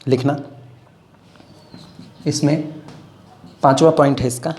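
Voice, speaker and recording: A man teaching math in a lecture, slowly dictating formulas word by word and explaining with homely comparisons. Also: on the high side, fairly even intonation, a little mellow, echoey room. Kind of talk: classroom lecture, dictating notes.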